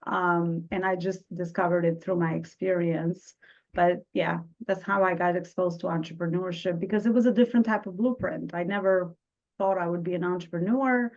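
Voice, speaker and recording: A middle-aged woman from Albania, speaking as an interview guest. Her low, gravelly voice moves earnestly through her story, with small restarts along the way. The recording sounds dull and lo-fi. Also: steady tone. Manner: earnest, slightly halting with restarts. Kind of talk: reflective personal storytelling.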